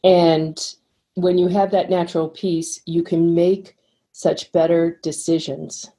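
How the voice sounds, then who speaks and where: Low husky woman with a Boston accent. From Boston, USA. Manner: calm, explanatory, measured. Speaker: financial planner and coach, guest. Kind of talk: podcast interview.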